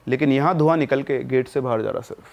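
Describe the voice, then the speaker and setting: Guy casually telling a ghost story, gravelly voice, mid pitch, chatty. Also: darkish tone. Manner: conversational, dramatic pauses, addresses listener as bhai sahab. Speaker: storyteller guest.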